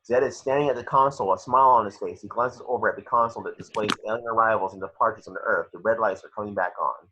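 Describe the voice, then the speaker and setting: In a dull, lo-fi home recording with a noisy background, a man narrates the stage directions at an amateur table read. His voice sits on the low side, and he reads the scripted action descriptions fast with hardly any pauses.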